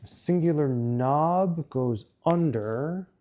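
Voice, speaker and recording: A man chats casually while building a model set, muttering each step to himself. He talks at an unhurried, slow pace. His voice is mellow and dark. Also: on the high side, animated.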